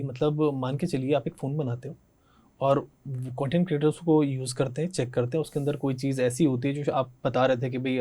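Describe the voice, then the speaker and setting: A man hosts a casual podcast interview. He keeps asking probing follow-up questions and presses his guest for details. He talks to the guest in a relaxed, familiar way. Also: mid-range voice.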